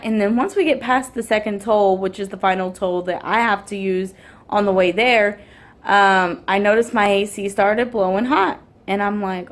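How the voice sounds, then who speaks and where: A woman, casually telling a story to the camera, rambling with many ums and restarts. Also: medium pitch. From Houston area, Texas. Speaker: vlogger and mother.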